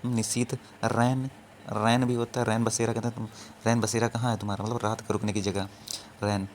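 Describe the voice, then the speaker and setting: Flat-voiced male teacher drilling vocabulary. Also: fairly low pitch, a little fast. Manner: repeats words, quizzes listeners, answers own questions. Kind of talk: exam-prep Hindi vocabulary lesson. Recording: faint background noise.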